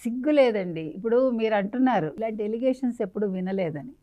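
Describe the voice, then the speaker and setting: A woman's voice: on the high side, expressive, quick pace, dark tone. A woman journalist giving a heated, indignant interview in a scolding way.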